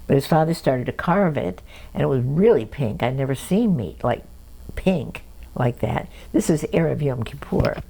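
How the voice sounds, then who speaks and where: A woman's voice: sits low, creaky, rough recording. An older woman from Cleveland, telling family stories in an oral history interview and chuckling often. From Cleveland, Ohio, USA. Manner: lively anecdotal storyteller, chuckling often. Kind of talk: storytelling in an interview.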